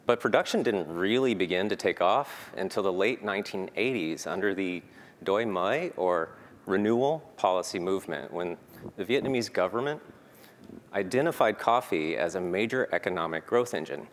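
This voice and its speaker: Speaking in a conference hall that echoes with faint background noise, this man presents a prepared talk. His voice sits low, he is animated and moderately paced, and his earnest delivery is sprinkled with "um"s.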